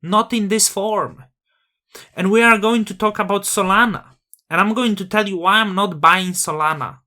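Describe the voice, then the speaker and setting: A man with a noticeable non-native accent runs a crypto channel, delivering a casual on-screen opinion monologue in a grandiose, self-aggrandizing persona packed with rhetorical questions. His high voice has a sharp tone, fairly even intonation, and a normal speed.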